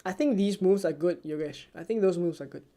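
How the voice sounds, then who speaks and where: A fantasy football streamer from Singapore answers viewer questions during a live stream. The delivery is soft and low-key, nearly ASMR-like, yet brisk.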